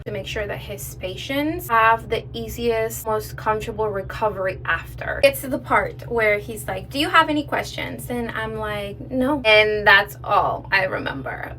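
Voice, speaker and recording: A woman's voice: fairly high pitch, fairly bright tone. Young woman telling a story, slightly distant mic. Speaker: vlogger telling a personal story. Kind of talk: casual storytime chat. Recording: distant mic with faint background noise.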